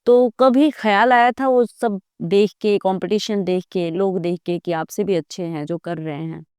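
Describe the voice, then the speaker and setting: A woman hosts an interview podcast and asks questions in a conversational way. Her voice is smooth and clear at a medium pitch, and the sound is dry and close. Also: steady tone, moderate pace, a little mellow, no room sound. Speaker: podcast host.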